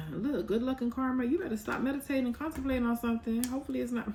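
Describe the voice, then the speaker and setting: Blunt, animated woman reading tarot. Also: fairly high pitch, quick pace, slight background noise. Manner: blunt, animated, scolding and teasing. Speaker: tarot reader.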